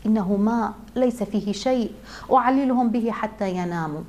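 A poor, weary mother in a storybook tale, plaintive and reproachful, as a woman storyteller reads her part. The voice stays at a middle pitch, close to the narrator's own. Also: a little fast, darkish tone, natural voice.

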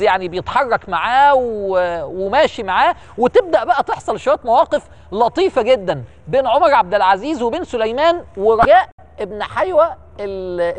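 A man with an Egyptian accent telling history as an animated, emphatic storyteller who repeats words for effect. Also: high voice. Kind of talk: lively storytelling lecture.

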